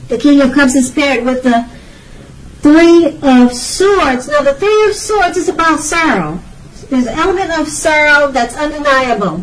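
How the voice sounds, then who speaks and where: A woman with a high-pitched, animated voice gives an unscripted tarot reading, speaking a little slowly and reassuringly advising the viewer, with hesitations and repeated phrases. She sounds distant from the mic, and there's a little hiss or hum.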